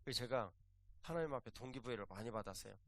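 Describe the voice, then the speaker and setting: Korean pastor telling a lively story. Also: male voice, medium pitch, fast talker, no echo. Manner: animated anecdote with quoted voices. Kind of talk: sermon storytelling. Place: church sanctuary.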